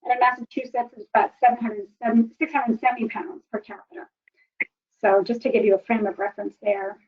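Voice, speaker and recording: Over a computer connection that makes her voice warbly, a woman presents a webinar with data slides, often hesitating with ums and restarts. She speaks fast at a fairly high pitch with little pitch movement. The computer-mic audio is dull and lo-fi, with slight background noise.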